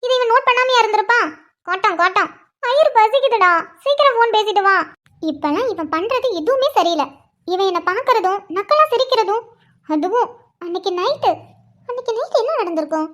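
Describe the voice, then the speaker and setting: A shrill, squeaky young wife from a cartoon , voiced by a woman. She nags and grumbles to herself, her voice sitting very high. The tone stays fussy and teasing. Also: animated, brisk, a bit bright. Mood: grumbling. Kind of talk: cartoon voice acting.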